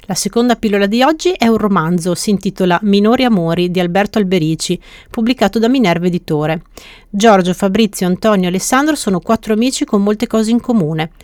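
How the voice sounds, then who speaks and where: A woman hosting a book podcast, presenting each book in a brisk, scripted, clearly articulated way. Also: mid-range voice, a little mellow, no echo, clean studio sound.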